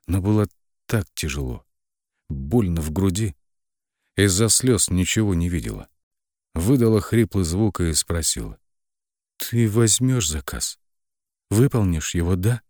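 A man's voice: sits low, darkish tone, dry recording, clean studio sound. A man reading a first-person audiobook with tense, emotive narration.

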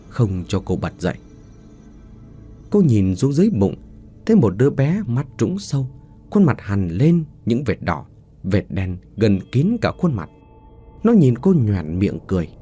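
A man narrating a horror story with an expressive delivery, voicing every character himself. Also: on the low side, husky.

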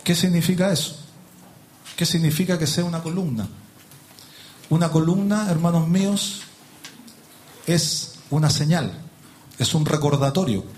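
Male preacher, higher-pitched, direct sermon to his congregation with rhetorical questions. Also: unhurried, pauses often, darkish tone. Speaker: pastor. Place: church with pews.

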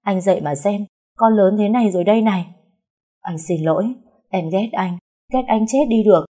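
A woman's voice: mid-range voice, a little fast, dark tone, lightly acted. A woman voicing an emotional young pregnant wife, pleading and scolding through tears in an audiobook story. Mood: tearful scolding. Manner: pleading, sobbing reproach. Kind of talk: audiobook character voice.

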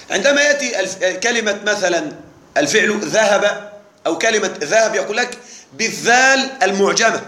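A man's voice: high-pitched, bright, forceful tone, echoey room. A man teaching an Arabic grammar lesson to a live class, explaining patiently, repeating key words and checking that the students are following.

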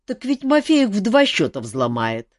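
A woman voicing a gruff, curt grown man who grumbles his short replies. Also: mid-range voice, huge pitch swings, normal speed, no room sound, studio quality, pitched above the performer's own voice.

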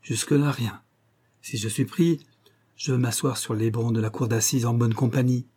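A man's voice: medium pitch, steady tone, moderate pace, dark tone, breathy edge, close to an everyday voice. A man voicing an old male blackmailer who whines with false humility and sly mockery, in a read-aloud novel. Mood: mocking. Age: older. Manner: wheedling, falsely humble, mocking.

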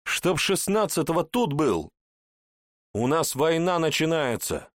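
A man's voice: low-pitched, moderate pace, no echo, studio quality, natural voice. A man voicing a commanding, hot-tempered warlord in an audiobook. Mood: yelling. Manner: commanding, shouting when angered. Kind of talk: audiobook character voice.

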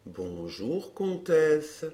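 A man reading a glib, self-assured gentleman in an audiobook dialogue, smooth and bantering. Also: mid-range voice, animated, moderate pace, lightly acted.

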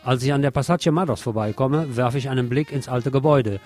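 This satirical radio column is read by a middle-aged man whose medium-pitched voice is slightly mellow and moves a little fast. His emphasis is ironic and theatrical, the content mixes scripted satire with literary reportage, and music sits behind him.

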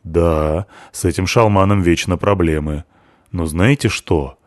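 A man's voice: low voice, dry recording, studio quality. A man voicing a formal police deputy. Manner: formal, measured. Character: methodical by-the-book male police deputy.

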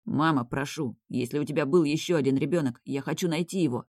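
A woman reading an audiobook, voicing an earnest young prince who speaks quietly and pleads with his mother. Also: deep voice, quick pace, dry recording, clean studio sound. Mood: pleading. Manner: quiet, pleading, then firm.

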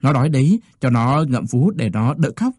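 A man's voice: medium pitch, big pitch swings, moderate pace, a little mellow, husky, no room sound, studio quality. A man voicing an old village midwife who talks in a curt, scolding way. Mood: matter-of-fact.

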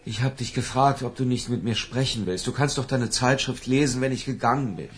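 An actor playing a lovesick middle-aged professor in a radio drama, hesitant, pleading and given to theatrical declaiming. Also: male voice, medium pitch, a little fast, a little hiss or hum, natural voice. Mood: anxious, coaxing. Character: lovesick, feverish older professor, pleading and florid.

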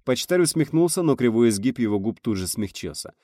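A man narrating a science fiction audiobook in a lively, dramatic reading. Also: medium pitch, brisk, no echo, clean studio sound.

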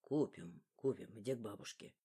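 A woman voicing a weary, injured young father who speaks low and hushed. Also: moderate pace, breathy edge, exaggerated voice. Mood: distracted.

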